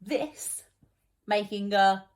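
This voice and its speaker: A woman's voice: medium pitch, drawn-out words. A young woman teaching a children's spelling lesson, patient and encouraging, explaining each word step by step.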